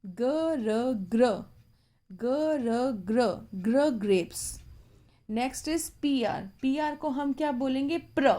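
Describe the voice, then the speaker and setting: A woman's voice: high voice, extremely slow, warm tone. A woman teacher with an Indian accent leads a phonics lesson for children, repeating each blend sound and mixing Hindi with English words.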